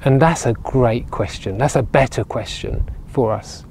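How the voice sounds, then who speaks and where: Here the minister's medium-pitched voice sounds gravelly and darkish, delivered at an unhurried pace, with a little hiss or hum on the recording. He preaches earnestly to camera outdoors next to sunlit castle ruins, often repeating words as he builds his argument, and he wears a clip-on lapel mic.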